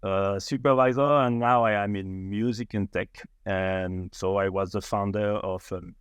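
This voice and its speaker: In a podcast interview, a middle-aged founder from France talks with a French accent in a fairly low, steady, smooth voice at a measured pace. He is hesitant, full of fillers and restarts, and the recording has no echo.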